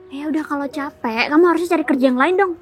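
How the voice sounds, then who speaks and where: A woman's voice: high voice, fast talker, soft background music, close to an everyday voice. An actress playing a kidnapped young woman who pleads with and argues back at her captor in a web drama. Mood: defiant. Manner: pleading yet argumentative. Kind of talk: amateur web drama acting.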